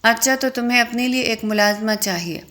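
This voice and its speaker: A woman voicing a sharp-tongued, impatient young female friend in a story reading. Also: fairly high pitch, close to an everyday voice.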